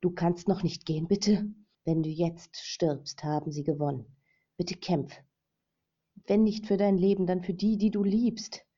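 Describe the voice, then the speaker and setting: A woman's voice: a bass voice, slow, gravelly, pauses often, dark tone, breathy edge, exaggerated voice. A woman reading the lines of a desperate man who urgently pleads with a captive not to die. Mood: pleading. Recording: dull lo-fi recording.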